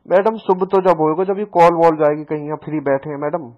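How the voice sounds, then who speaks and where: A man with a rural North Indian, Haryanvi-influenced accent making a comic phone call in a folksy, rambling, deadpan way. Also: on the high side, a little fast. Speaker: prank caller.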